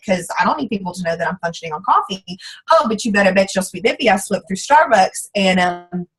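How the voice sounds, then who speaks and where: Husky woman telling her story. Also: medium pitch, rough recording. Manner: chatty, animated storytelling with acted-out quotes. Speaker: product distributor giving a testimonial. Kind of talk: personal testimony talk.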